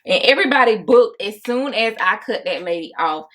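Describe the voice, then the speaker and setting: A woman's voice: medium pitch, animated, fairly quick, a bit bright. A young woman, chatting casually to her viewers about a difficult client while she does her makeup, often exasperated. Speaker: makeup artist and vlogger.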